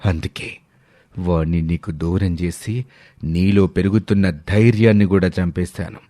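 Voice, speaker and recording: Casual one: guy doing a cold greedy villain uncle in a story, lowish dark voice, threatening, dry sound. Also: fairly even intonation, moderate pace, dry recording, close to an everyday voice. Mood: menacing. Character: ruthless greedy middle-aged male villain uncle. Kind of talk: storybook voice acting.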